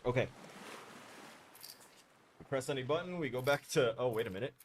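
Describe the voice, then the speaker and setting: A man's voice: medium pitch, normal speed. A man streaming a game from home, chatting casually in a blunt, firm way that rambles with fillers. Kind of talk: casual livestream chat. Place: home room.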